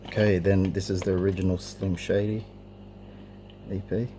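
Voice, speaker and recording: Warm and low-pitched, this middle-aged collector speaks at a moderate pace with a level tone as he presents his cassettes. The show-and-tell is casual, unscripted and slightly hesitant, captured on a noticeably noisy amateur home camera.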